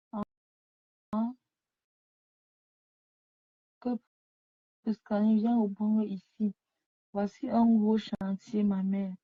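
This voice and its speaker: A woman's voice: mid-range voice, no echo. A woman, ranting and scolding in a repetitive live video monologue while she lies down, talking into a phone she has set down. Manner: scolding, repetitive, talks to the viewers. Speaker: live streamer. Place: lying down at home. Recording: dull lo-fi phone audio.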